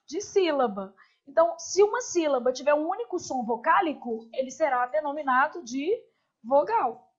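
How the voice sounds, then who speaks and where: A high-pitched woman with a Brazilian Portuguese accent leads a grammar lesson. She keeps asking her students questions and answering them herself. The recording sounds a little dull and muffled. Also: animated, normal speed. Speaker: teacher.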